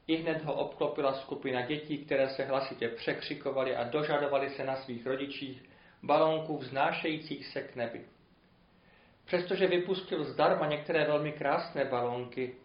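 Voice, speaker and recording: Earnest man telling a sermon parable. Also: mid-range voice. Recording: roomy, dull lo-fi recording.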